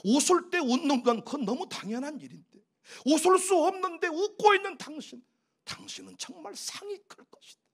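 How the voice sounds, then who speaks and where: A man preaching an animated sermon as a pastor, emphatic and often breaking into laughter as he acts out exchanges. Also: extremely high pitch, brisk.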